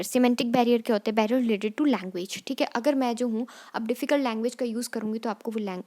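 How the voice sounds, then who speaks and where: A woman's voice: a little high, darkish tone. Young woman teaching an exam lecture. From Kangra district, Himachal Pradesh, India. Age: young adult. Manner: explanatory, repeats "theek hai" often, mixes Hindi and English.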